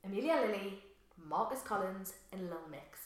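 A woman co-hosts a casual podcast chat at a mid pitch. She is enthusiastic and gushing, quick to gasp and laugh. Her voice bounces around a very echoey room. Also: animated. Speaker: podcast co-host.

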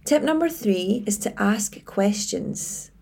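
Woman advice presenter, soft-edged creaky husky voice. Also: medium pitch, animated, slow. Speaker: leadership coach and presenter. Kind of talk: scripted advice presentation to camera.

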